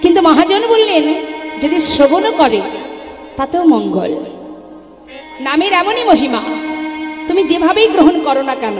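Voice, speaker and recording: High-voiced woman kirtan preacher. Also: sing-song, a little slow, long pauses. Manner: sings chants, then preaches and addresses listeners as baba and ma; scolds chatting audience. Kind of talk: devotional kirtan discourse with chanting. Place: live religious gathering with seats for the audience. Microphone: through a sound system. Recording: echoey hall with long reverb, music behind.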